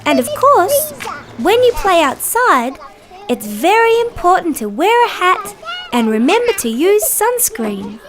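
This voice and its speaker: Children's show casting: a friendly female dinosaur, very high voice, highly animated, gentle and encouraging. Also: unhurried, noisy background, full character voice. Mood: cheerful, curious. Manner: sing-song, simple, encouraging delivery for small children.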